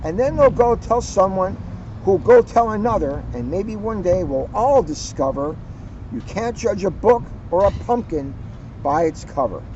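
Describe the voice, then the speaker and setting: Dull, noisy outdoor audio captures a high-voiced policeman at a garden center reading a picture book to kids for a community series. He mixes casual conversation with deliberate, expressive storytelling, drawing out the ends of his phrases.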